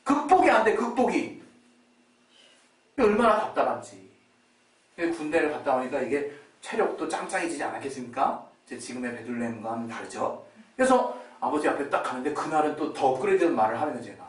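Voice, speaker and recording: A male pastor giving a sermon in Korean-style storytelling, animated and often laughing as he acts out his memories. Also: mid-range voice, a little fast. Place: church. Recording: roomy church hall, distant mic.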